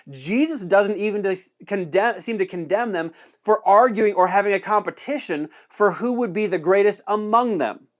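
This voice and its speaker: Pastor giving a conversational sermon, high voice, repeats his key phrases.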